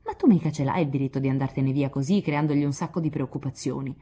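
Spirited coaxing young woman, read by a woman; husky timbre. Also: rumbling low, fast. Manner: coaxing, lively.

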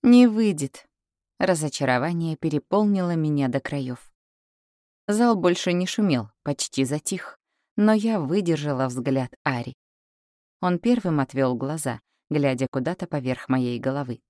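A woman narrating a novel in the first person, steady and even. Her voice is unusually deep for a woman. The recording is dry and close, with no room sound. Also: moderate pace, no echo. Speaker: audiobook narrator.

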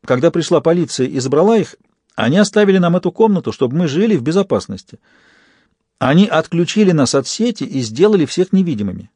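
A small dreamy girl, secretive and childlike, as a male audiobook narrator puts her on. Her voice sits a bit higher and lighter, with a mellow, dry sound close to the mic. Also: very animated, fast talker, dry recording. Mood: earnest.

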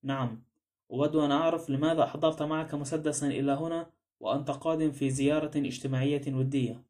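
A man's voice: fairly high pitch, steady tone, fast, darkish tone, lightly acted. A man voicing a blunt, suspicious male former detective in an audiobook drama, pressing others with pointed questions. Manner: blunt, probing.

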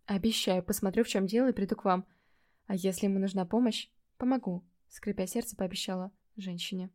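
A woman narrating a first-person fantasy audiobook, telling it in a measured way, livelier in dialogue and quieter in reflective asides. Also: mid-range voice, steady tone.

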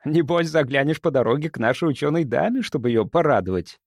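Guy doing a smug bragging spaceship crewman, higher voice, bouncy. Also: expressive, fast talker, no echo, clean studio sound. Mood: cocky. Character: cocky, boastful male crewman navigator.

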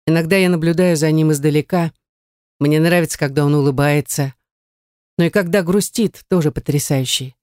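A woman's voice: low voice, moderate pace, a little mellow, no echo, studio quality, natural voice. Dreamy lovesick young necromancer girl, read by a woman. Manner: dreamy, gushing, self-pitying. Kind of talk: audiobook character reading.

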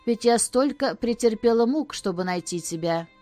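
Tearful pleading beggar mother, read by a woman, soft dry voice, faint music. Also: on the high side, expressive, normal speed, no echo, lightly acted. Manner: pleading, sobbing.

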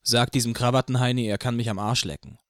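A man voicing a laid-back male band member who talks in a gruff, cursing way. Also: mid-range voice, steady tone, fast talker, no echo, clean studio sound, close to an everyday voice. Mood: indignant.

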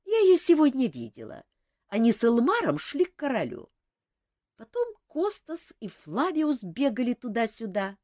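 A woman voicing a matter-of-fact, chatty court lady who speaks briskly. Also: a little high, wildly swooping pitch, mellow, no echo, clean studio sound, pitched above the performer's own voice.

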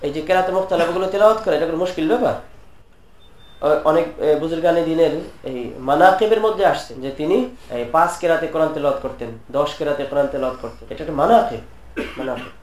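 Man teacher, high-pitched, lecturing a class, repeats points and quizzes listeners, roomy echo. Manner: explains term by term, repeats points, asks students questions. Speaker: teacher of Quran commentary. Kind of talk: classroom lecture explaining a text.

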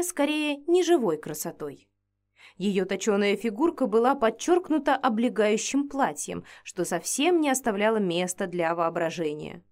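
A woman's voice: a little high, a little mellow. A woman reading a first-person fantasy story aloud in a playful, ironic manner. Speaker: audiobook narrator.

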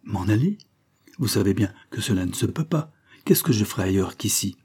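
A man reading aloud and voicing a distressed, impetuous young girl, with raised pitch and pleading, vehement delivery. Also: animated, normal speed, mellow, breathy edge. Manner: pleading, rising to vehement outbursts.

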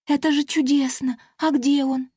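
A woman reading a storybook aloud and voicing a small, excitable girl air fairy who talks in an eager, insistent rush. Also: high-pitched, normal speed, dry recording, studio quality, pitched above the performer's own voice. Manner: breathless, insistent, bubbly.

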